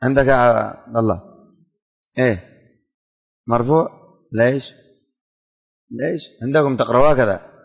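A man's voice: mid-range voice, moderate pace, vocal fry, long pauses, husky, lo-fi sound. A man teaching a religion class in a classroom, quizzing students by name and repeating his questions. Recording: hall reverb.

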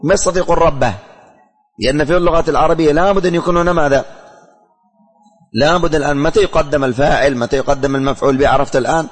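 A man's voice: on the high side, steady tone, rapid-fire, faint music behind. A male teacher leading a religious lesson, repeating questions and quizzing his students. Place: classroom. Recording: long hall reverb.

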